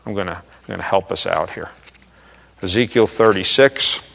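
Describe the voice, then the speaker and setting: A male pastor delivering a sermon in a conversational way, checking in with "okay?" and getting louder and higher for emphasis. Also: normal speed, gravelly, a little hiss or hum. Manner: rises in pitch and volume for emphasis. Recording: long reverb of a hall.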